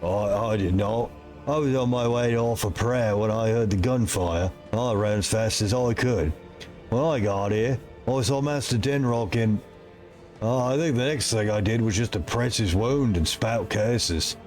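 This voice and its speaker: A man's voice: lowish voice, measured pace, darkish tone, faint music behind, lightly acted. A man voicing a shaken, modest repairman from a video game, hesitant and self-reproachful. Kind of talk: video game role-play read aloud.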